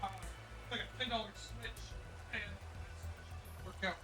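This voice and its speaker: A man's voice: high voice, fairly even intonation, normal speed, music in the background. A man streaming live, chatting casually and rambling with many fillers, a bit out of breath.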